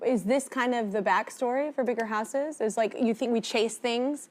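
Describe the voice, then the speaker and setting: A woman's voice: on the high side, normal speed. A woman hosting an interview in casual chat, her words choppily spliced together by editing. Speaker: interview host.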